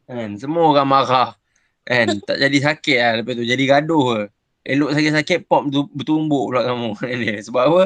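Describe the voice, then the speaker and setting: Chatty Malaysian religious teacher, dry sound. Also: male voice, medium pitch, brisk, fairly bright tone, dry recording. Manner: chatty, teasing, keeps asking "kan?"; acts out silly examples with a chuckle. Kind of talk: online class lesson for young pupils.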